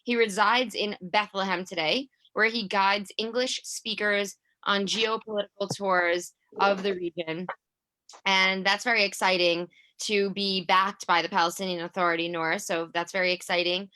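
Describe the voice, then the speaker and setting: Bright-voiced woman hosting a call. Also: mid-range voice, fairly even intonation, moderate pace, no echo. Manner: upbeat, friendly invitation to speak. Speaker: host. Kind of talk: introducing a guest on a video call. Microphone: video call.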